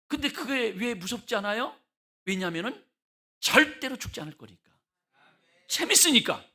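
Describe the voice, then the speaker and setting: Animated, bright-voiced male pastor preaching. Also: very high-pitched, creaky. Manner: emphatic, rhetorical questions to the congregation. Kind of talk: revival sermon. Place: church.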